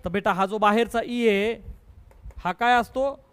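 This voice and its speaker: A man with a Marathi accent teaching a math lesson, briskly coaxing pupils and drilling them with repeated questions. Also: high voice, fairly bright tone, smooth, faint music behind. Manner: brisk, coaxing, keeps prompting pupils to answer quickly; repetitive call-and-response questioning. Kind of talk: online class lesson.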